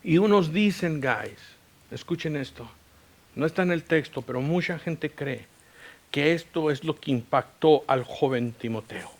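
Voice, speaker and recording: A man preaching a sermon as a pastor, telling a personal story with English words mixed in, moving between loud and hushed delivery. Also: on the high side, lively intonation, unhurried. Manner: mixes English words into Spanish. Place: church.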